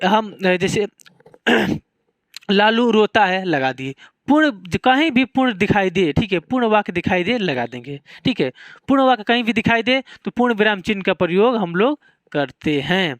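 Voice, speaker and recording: Male teacher, Bihari Hindi accent, high voice, dry close recording, repeats points in a lecture. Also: fairly bright tone, no echo. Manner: repeats key points, asks and answers own questions. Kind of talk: classroom lecture.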